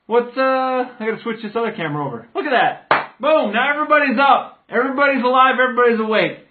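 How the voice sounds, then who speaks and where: A man live-streaming to viewers, chatting loudly and rambling with restarts and jokes. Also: very high voice, expressive, quick pace, noisy background. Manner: loud, joking, rambling with restarts; ranting. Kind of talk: casual live-stream chat. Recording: tinny phone-like sound.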